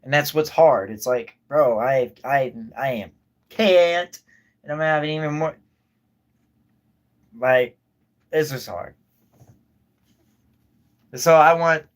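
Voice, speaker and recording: A man hosting a livestream, chatting casually and rambling through viewer comments while he eats. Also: mid-range voice. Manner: rambling, laid-back, chuckles and trails off. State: eating while talking. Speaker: livestream host.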